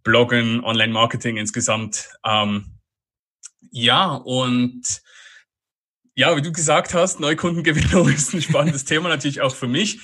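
Swiss man, Swiss German accent, bright voice, chatty podcast guest, many fillers. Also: mid-range voice, steady tone, moderate pace. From Switzerland. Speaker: guest, online marketer. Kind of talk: casual podcast interview.

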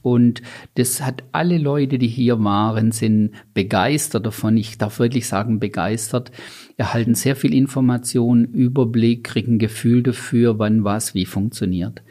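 A middle-aged man, a company founder, giving measured, deliberate interview answers that he sets out in lists. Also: mid-range voice, fairly even intonation, mellow. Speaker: company founder and guest expert.

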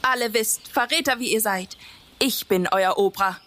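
Woman as defiant, high-voiced young prince. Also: moderate pace, a bit bright, natural voice. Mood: defiant, accusing. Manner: haughty, declamatory. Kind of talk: classical stage verse acting. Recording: faint ambient noise.

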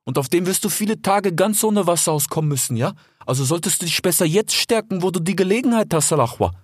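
Man doing a husky, sing-song desert fox hustler, buddy-buddy and persuasive; lively up-and-down delivery. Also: sits high, fast, dry recording, clean studio sound. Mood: coaxing. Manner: chatty, keeps tagging "ja?" and "ich schwör". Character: smooth-talking male desert fox, chummy and persuasive. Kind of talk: audiobook character voice.

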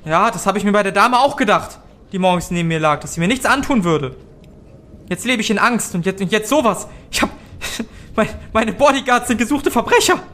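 A man's voice: high voice, expressive, a little fast, sharp tone, pitched above the performer's own voice. A man playing a frightened, suspicious man in a tabletop role-play, stammering and agitated, with noise behind him. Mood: fearful, accusing.

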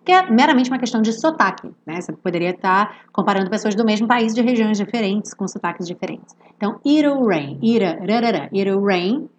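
A Brazilian woman teaching English pronunciation through song lyrics, explaining quickly and then singing lines slowly. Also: medium pitch, animated, slight background noise.

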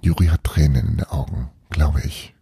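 Husky man with a dark, low voice, reading a first-person novel softly, close and dry. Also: moderate pace, no echo. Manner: hushed, often half-whispered reading. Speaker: audiobook reader.

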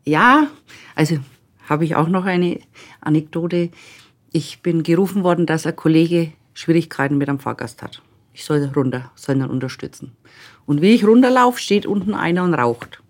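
A woman's voice: low-pitched, animated, moderate pace. Middle-aged woman, blunt, tells work stories on a podcast. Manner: blunt, matter-of-fact storyteller who acts out dialogue. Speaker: transit service staff member. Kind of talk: telling anecdotes in a podcast interview.

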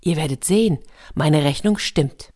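A woman voicing a polite, quick-witted young servant answering his king. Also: sits low, mellow. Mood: insistent. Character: humble clever young male servant.

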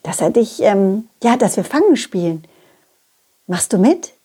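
A woman's voice: medium pitch, very animated, measured pace, mellow, slightly rough. A woman telling a children's story in a playful, coaxing way.

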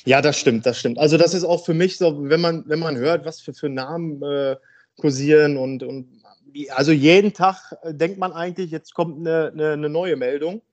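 A man in his thirties from Germany, a football player talking frankly and a bit haltingly as a podcast guest. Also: a little high, fairly even intonation, darkish tone, highs cut off. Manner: frank, rambling, hesitant. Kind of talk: casual podcast interview.

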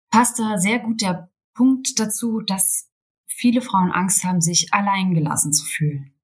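Husky-voiced woman explaining as a guest. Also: mid-range voice. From Berlin. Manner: thoughtful, explanatory, many fillers. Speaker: guest, birth and family doula. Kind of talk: podcast interview.

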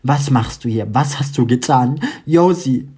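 A man voicing a frantic, tearful teenage schoolgirl who pleads in high cries. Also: unhurried, dark tone, slightly rough. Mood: panicked.

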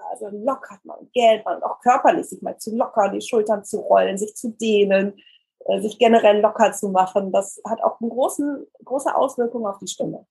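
Breathy female voice coach and news presenter, calm, explanatory delivery. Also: mid-range voice, moderate pace, low-quality recording. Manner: calm, explanatory, demonstrates exercises. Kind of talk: explanatory podcast interview.

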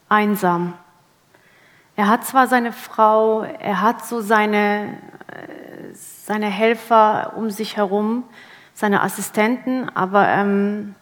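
A woman actress giving an interview, chatting casually with laughter and self-mocking humor. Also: medium pitch. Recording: long hall reverb.

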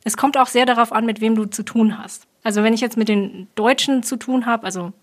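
A woman in her thirties, a guest on a podcast, talking in a thoughtful way and often pausing to search for words. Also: a little high, fairly even intonation. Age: 30s. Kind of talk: casual podcast chat.

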